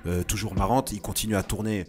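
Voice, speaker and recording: A man's voice: fairly low pitch, steady tone, quick pace. A man hosting a casual group chat, talking with many hesitations and restarts, with faint music behind. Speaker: host.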